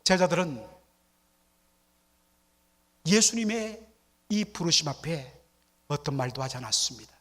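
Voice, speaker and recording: Male pastor, sunday sermon, slightly high voice, long church reverb, asks the congregation questions. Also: sing-song, measured pace, long pauses, fairly bright tone. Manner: asks the congregation questions and acts out dialect jokes. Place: church sanctuary.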